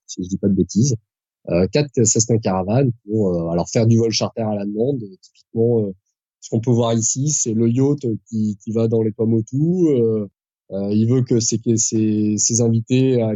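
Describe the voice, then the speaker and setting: A pilot in his forties is a guest on a podcast interview, explaining things at length with frequent hesitations and restarts. His voice is mid-range and dark-toned, in a dry, lo-fi recording.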